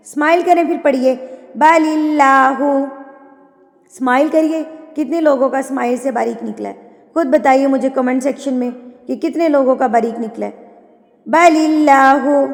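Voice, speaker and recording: A woman teaching Quran recitation, chanting words slowly and then explaining patiently with repeated corrections. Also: sits high, creaky, long reverb tail. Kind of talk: online tajweed lesson, explaining between recited words.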